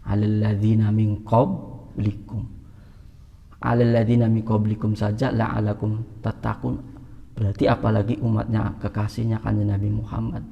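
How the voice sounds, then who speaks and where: A man preaching a religious lesson, asking questions and answering them himself, his pitch jumping up for emphasis. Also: little pitch movement, normal speed, gravelly, dull audio. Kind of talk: religious teaching. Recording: long reverb in a hall.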